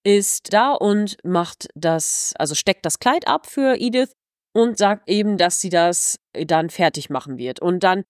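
A woman's voice: expressive, a little slow, a little mellow, no room sound, studio quality. A woman chatting casually as co-host, retelling a scene and acting out the characters' lines in a raised voice. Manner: chatty, acts out quotes in a higher voice. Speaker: podcast co-host. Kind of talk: casual chat.

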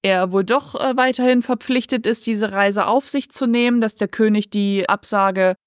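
A woman casually retelling the scenes of a drama series in an animated way, quoting what the characters say. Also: mid-range voice, moderate pace, no room sound, clean studio sound. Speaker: podcast co-host recapping a drama series. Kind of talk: casual chat.

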